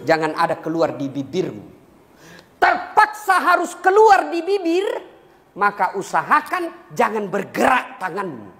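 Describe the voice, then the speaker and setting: A man preaching a humorous sermon to a congregation, lively and joking, sometimes breaking into a few lines of song. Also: high-pitched, measured pace. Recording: echoey hall with faint ambience.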